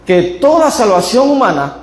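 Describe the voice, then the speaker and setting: A man's voice: high voice, big pitch swings, normal speed, slight background noise. A man preaching a sermon in a church, emphatic, asking rhetorical questions and reading scripture aloud. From Panama. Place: church hall. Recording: echoey church room.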